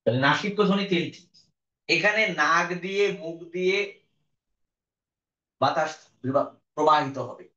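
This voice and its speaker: A man teaching a lesson, talking slowly and deliberately and drawing out sounds to demonstrate them. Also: a little high, pushed and bright. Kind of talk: classroom lesson. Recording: echoey room, dull lo-fi sound.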